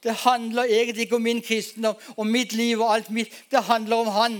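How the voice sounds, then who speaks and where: A man's voice: very high-pitched, completely flat delivery. A man, a pastor, preaching a sermon and telling his testimony in an emphatic storytelling way, addressing the congregation directly.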